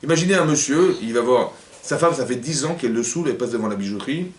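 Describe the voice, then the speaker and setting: A man teaches an interactive Torah class as a rabbi, animated and quick-paced in a mid-range voice. He plays out little scenes and poses questions to his listeners. The community hall sounds echoey, and the mic is placed at a distance.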